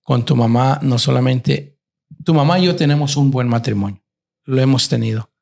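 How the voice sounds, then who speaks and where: Middle-aged father, gravelly reflective storyteller, candid chat. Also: mid-range voice, moderate pace, a little mellow. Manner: reflective storytelling, mixes in English words. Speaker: father and husband, guest. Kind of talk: casual family conversation.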